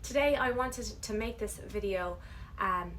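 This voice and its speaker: A woman's voice: medium pitch, a little slow, a bit bright, slight background noise. A woman with a west of Ireland accent, chatting casually and digressively to camera as a vlogger. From Ireland, Galway on the west coast. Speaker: YouTube vlogger. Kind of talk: casual personal storytelling to camera.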